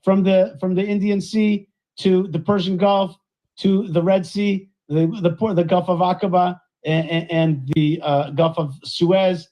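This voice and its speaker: High-voiced man. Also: flat delivery, unhurried, highs cut off. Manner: effusive, repetitive, sprinkles Yiddish words. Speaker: rabbi commentator. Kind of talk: effusive spoken commentary.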